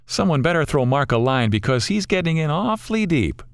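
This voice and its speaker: A man's voice: fairly high pitch, fast talker, no echo, clean studio sound, voice pushed up. A man voicing an upbeat, sarcastic adult male flying buddy in a read-aloud story. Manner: energetic, sarcastic quips.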